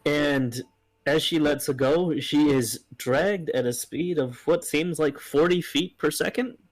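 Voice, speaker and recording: A man running a tabletop game, unhurried and halting as he describes the scene. His pitch sits in the middle range. The sound is dry and close, with no room around it. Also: dry recording, low-quality recording. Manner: slow, hesitant narration with frequent ums. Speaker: game master.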